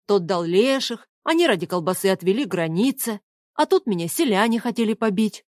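A woman reading an audiobook, voicing a puzzled, plain-spoken young man in her own mid-pitched voice. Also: lively intonation, brisk, darkish tone, no echo, studio quality, close to an everyday voice.

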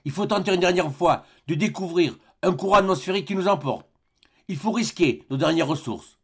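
A determined, commanding explorer doctor, as a man reading the tale puts him on, lifting his voice well above the narration. He speaks with urgent, rising declamation, loud and pressing, like an audiobook hero pushing his companions on. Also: sits high, fairly quick, gravelly, husky, pitched above the performer's own voice, heavily acted.

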